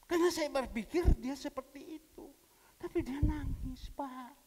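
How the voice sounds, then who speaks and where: A male pastor from preaching a sermon, telling a story with quoted dialogue and big swings in pitch and loudness. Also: moderate pace. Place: church hall. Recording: long church hall reverb.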